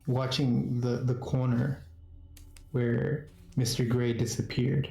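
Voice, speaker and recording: A man runs a tabletop game as game master in a mellow, creaky voice. He narrates haltingly in an echoing room. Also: medium pitch, flat delivery. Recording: roomy echo, faint music behind.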